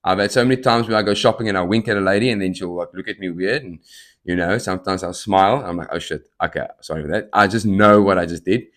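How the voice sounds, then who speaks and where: Man in his 30s, podcast host, lowish voice, storytelling, hops between topics, bursts of tics. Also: fast, a bit bright. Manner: jumps between topics, acts out quoted dialogue; tics and sudden outbursts mid-speech. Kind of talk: personal storytelling monologue.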